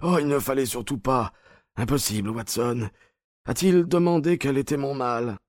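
An actor playing an ailing, cunning detective in a radio play, whose voice is weak. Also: male voice, mid-range voice, moderate pace, darkish tone, no room sound, studio quality, natural voice. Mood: urgent. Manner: weak voice, commanding when roused.

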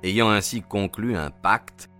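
Low-voiced man reading an audiobook. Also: slow, pushed and bright, soft background music. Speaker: audiobook narrator. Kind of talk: scripted first-person narration.

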